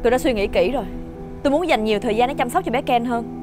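A woman's voice: fairly high pitch, very fast, music in the background, natural voice. Actress as a worried Southern Vietnamese mother. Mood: cold. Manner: urgent, pleading, then firm and cool. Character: worried single mother, firm and protective. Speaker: actress in a TV family drama. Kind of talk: television drama acting.

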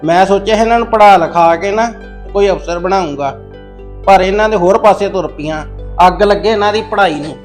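A man's voice: extremely high pitch, fast talker, reverberant, over music. A man playing a proud, stern village father who scolds his grown daughters harshly. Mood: bitter. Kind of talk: domestic drama acting.

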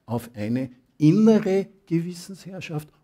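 A man's voice: sits high, very animated, takes it slowly, mellow. A man giving an emphatic sermon that explains scripture. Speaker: preacher. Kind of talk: Bible exposition sermon.

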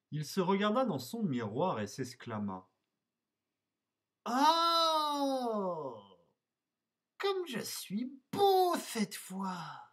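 A man reading a children's picture book aloud with expressive storytelling. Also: medium pitch, far from the mic. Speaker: storybook reader.

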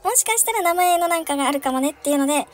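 High-pitched giggly woman gamer. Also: lively intonation, racing, background noise. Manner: giggly, frequent laughter, shrieks in panic. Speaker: game streamer. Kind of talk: let's-play commentary.

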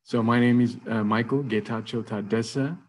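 A man's voice: moderate pace, a little hiss or hum, rough recording. A young man from Ethiopia giving a video-call lecture as a guest presenter, with many hesitant "uh"s. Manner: many filler "uh"s, low flat delivery. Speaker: guest presenter, graduate student.

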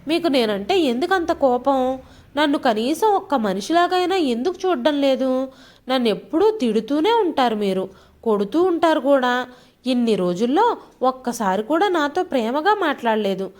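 A hurt young wife from a storybook, voiced by a woman narrator, pleading through sobs. Her voice rises and falls a great deal. It sits fairly high. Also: sing-song, normal speed, darkish tone. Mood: tearful. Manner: pleading, sobbing.

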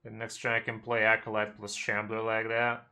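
A man's voice: on the low side, monotone, moderate pace, background noise. A man in his thirties giving casual, laid-back live game commentary, slangy and muttering to himself, on a home streaming mic. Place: small indoor room at home.

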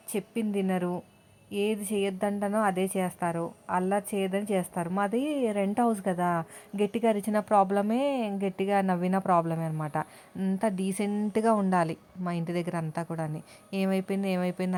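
A woman, chatting to viewers about her day in a casual home vlog. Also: fairly low pitch. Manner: talkative, addresses viewers directly. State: tired. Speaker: vlogger.

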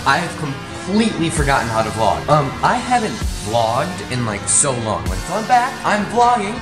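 A man's voice: on the high side, huge pitch swings, normal speed, loud music behind the voice. A young man vlogging to a handheld camera from inside his car, talking in a loose, rambling way with lots of fillers. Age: young adult. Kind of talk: casual vlog narration. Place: inside a car in a garage, also a bedroom. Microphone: handheld camera at arm's length.

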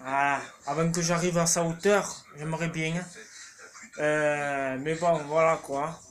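A Marseille man in his thirties, a cooking vlogger, rambles casually to a phone camera held at arm's length in his small home kitchen, full of fillers and restarts. His Marseille French-accented voice is a little high, a bit bright, steady in tone, and a little slow.

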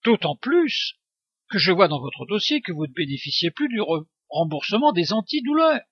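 Guy voicing a pushy insistent negotiator, high bright voice, muffled dry audio. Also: big pitch swings, moderate pace, slightly rough, no echo, full character voice. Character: pushy male end-of-life negotiator.

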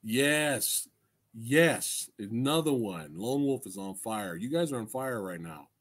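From a cramped room packed with collectibles, an animated middle-aged film reviewer hosts a livestream, chatting casually with his audience. He's excitable and slangy, swearing freely, yet he takes his time, speaking slowly at a medium pitch into a close desk mic.

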